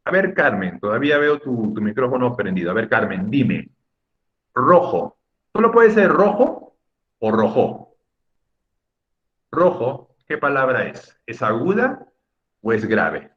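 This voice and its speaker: Male teacher on a lo-fi video call, animated delivery, patient and lightly teasing with students. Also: mid-range voice. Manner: patient, drawing out words to stress syllables. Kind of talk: online class instruction. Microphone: computer mic on a video call. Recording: muffled lo-fi video call audio.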